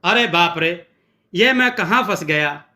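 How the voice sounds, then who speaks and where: A man's voice: sits high, expressive, slow, sharp tone, full character voice. A man voicing a timid, lazy young cook who frets over every task. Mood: fretful.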